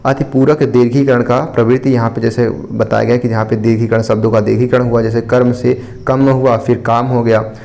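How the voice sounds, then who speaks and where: A man walks through exam material in a steady teaching voice. His tone is warm and mellow at an average pitch, and he keeps circling back to check understanding. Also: a little fast, vocal fry, few pauses. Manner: explanatory, repeats points with frequent "ठीक है". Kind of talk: explaining an exam answer copy.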